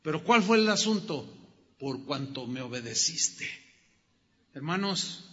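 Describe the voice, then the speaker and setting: A man's voice: sits high, pushed and bright, breathy edge. A man preaching a sermon who retells Bible stories and emphatically repeats his key words. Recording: reverberant hall, dull lo-fi sound.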